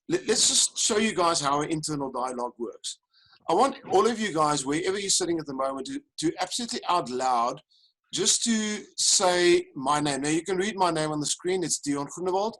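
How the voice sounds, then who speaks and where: A man's voice: a little high, rough recording. A man teaching a live online coaching webinar, talking straight to his audience and counting them in. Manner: animated, addresses audience directly, counts them in. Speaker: life coach and webinar presenter. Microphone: video call.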